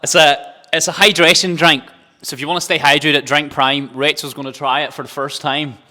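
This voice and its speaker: Bright, forceful man, podcast banter. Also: a little high, little pitch movement, fairly quick. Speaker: podcast co-host. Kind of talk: casual banter and product chat. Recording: reverberant, hall-like room echo.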